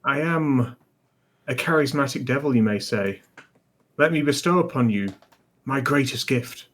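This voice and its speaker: A man's voice: medium pitch, measured pace, close to an everyday voice. A man voicing a pompous mustache-twirling villain, a barbarian ruler, with a crackly, throaty voice and grandiose proclamations. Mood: sly, grandiose.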